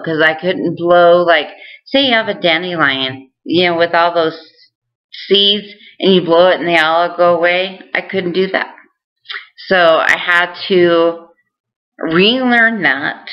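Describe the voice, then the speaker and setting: A woman with a somewhat low voice talks to her viewers in an unhurried, deliberate way. She is earnest and encouraging, speaking casually to camera. The recording sounds dull and lo-fi. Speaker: vlogger sharing recovery tips. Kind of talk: casual direct-to-camera talk.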